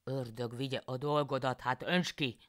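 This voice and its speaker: A woman doing a loud scolding peasant husband. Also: very deep voice, fairly even intonation, no echo, clean studio sound. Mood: exasperated. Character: grumbling, hungry peasant husband.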